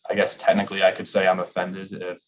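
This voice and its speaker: A man's voice: deep voice, monotone, fast talker, slight background noise. A man talking casually in a discussion, easygoing, with lots of "like" and "um" fillers. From Ireland.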